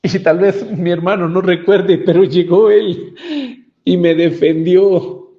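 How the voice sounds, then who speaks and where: A man's voice: sits high, steady tone, slow. A man giving a personal testimony about his childhood and often acting out the dialogue. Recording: dull lo-fi recording.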